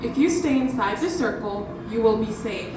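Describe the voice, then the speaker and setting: A woman's voice: on the high side, animated, normal speed, heavy reverb, close to an everyday voice. Stern young warrior, firm and protective, read by a woman; far from the mic, music behind. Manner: firm, warning. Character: stern loyal young male warrior brother.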